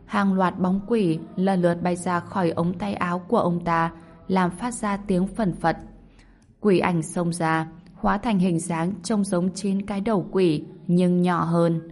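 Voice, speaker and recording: Low-voiced woman narrating a story. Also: steady tone, a little slow, darkish tone. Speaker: audiobook narrator. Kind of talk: scripted narration.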